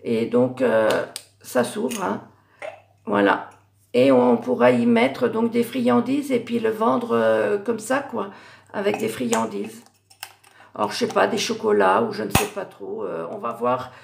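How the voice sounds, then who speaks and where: A middle-aged woman, talking through her handmade crafts in a relaxed, halting way. Her voice is gravelly and a little hoarse, pitched somewhat high, and she stops often to correct herself. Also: slight background noise. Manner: hesitant, many fillers and self-corrections. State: voice going hoarse. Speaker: craft YouTuber. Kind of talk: casual show-and-tell of handmade cards.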